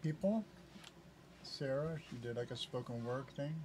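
A man's voice: medium pitch, expressive, measured pace, a loud crowd. An older man who owns a music store, recapping store events in a laid-back, matter-of-fact way. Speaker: music store owner, show host. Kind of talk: casual family chat on a shop show.

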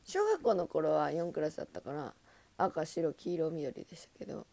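Young woman streamer chatting w viewers, dry close sound, lively swoopy voice. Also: low-pitched, moderate pace, vocal fry, no room sound. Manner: chatty, laughs often, bursts of loud excitement. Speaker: idol livestream host. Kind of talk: casual livestream chat reading comments.

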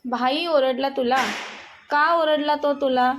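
A woman's voice: sits high, steady tone, a little hiss or hum. A woman voicing a young sister-in-law who scolds firmly but with care. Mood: scolding. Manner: scolding, brisk and firm.

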